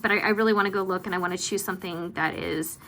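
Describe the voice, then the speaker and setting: A woman vlogger giving casual, rambling, self-deprecating commentary as she works, with vocal fry at the ends of her phrases. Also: fairly low pitch, steady tone, fast, pushed and bright, a little hiss or hum. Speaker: planner vlogger hosting budget updates. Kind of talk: casual chatty voice-over commentary while working.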